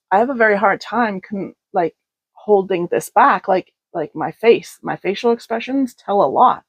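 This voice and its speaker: A woman's voice: on the high side, dry recording. A woman co-hosting a podcast, telling candid personal stories in a blunt way and often laughing as she talks. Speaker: podcast co-host. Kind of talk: candid conversational storytelling.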